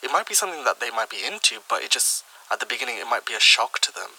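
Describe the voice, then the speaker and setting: A man's voice: medium pitch, sing-song, quick pace, sharp tone, rough recording. A young man co-hosting a podcast, chatting casually and giving laid-back advice. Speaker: podcast co-host. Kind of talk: casual chat.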